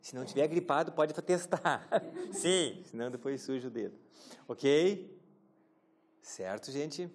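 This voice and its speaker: A man's voice: medium pitch, expressive, unhurried, long pauses, slight background noise. Joking male teacher quizzing a class. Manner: casual, joking, asks the class questions. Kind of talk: classroom lecture.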